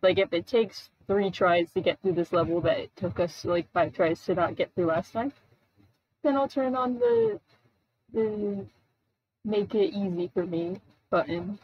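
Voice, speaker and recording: A woman streaming a video game, chatting casually, laughing often and yelling at enemies. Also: medium pitch, lively intonation, a little slow, breathy edge, no echo, muffled recording. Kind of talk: casual gameplay chat.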